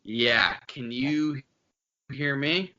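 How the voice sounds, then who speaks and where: A man hosting a casual sports podcast, his voice arriving through glitching audio that keeps cutting out mid-phrase. The sound is dull and lo-fi, like a struggling laptop call, and his speech comes in halting, broken-off bits. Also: medium pitch, very noisy. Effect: glitchy audio, cutting out mid-sentence over a bad connection. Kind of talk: casual chat. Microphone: laptop on a video call.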